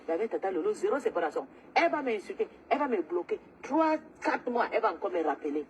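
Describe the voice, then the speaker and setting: A woman's voice: mid-range voice, sing-song, fast talker, a little hiss or hum, rough recording. A woman, ranting angrily and repetitively during a live stream. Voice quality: agitated, loud, repetitive ranting. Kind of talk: angry social media livestream rant.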